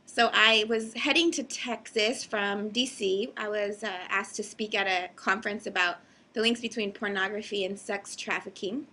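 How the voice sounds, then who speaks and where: An earnest woman recounts a personal experience in a recorded video statement. Her voice is bright and forward, sitting at an ordinary middle pitch. She talks with hesitant pauses and small fillers. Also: fairly even intonation, a little hiss or hum. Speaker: executive director of an advocacy group.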